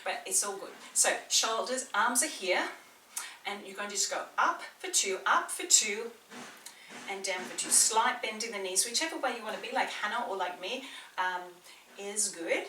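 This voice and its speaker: Heard from a distant mic with roomy echo and faint ambience, a woman leads a beginner workout in a small indoor room. Her medium-pitched voice is bright and forceful, animated at a moderate pace, with slight background noise. A personal trainer with a slight New Zealand accent, she's chatty and encouraging and talks a lot.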